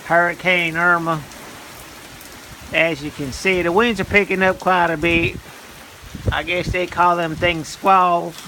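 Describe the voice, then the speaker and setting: A man's voice: sits high, steady tone, measured pace, pauses often, sharp tone. A man giving a folksy, easygoing video update outdoors in rain and wind. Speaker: amateur storm vlogger. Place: outdoors in a storm.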